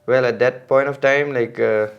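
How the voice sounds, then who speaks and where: Speaking with frequent fillers and restarts, a young Indian man in his 20s, a mountain bike racer, chats loosely as a guest on a podcast. His voice is medium-pitched, creaky yet smooth, with fairly even intonation at a moderate pace, captured in dull audio.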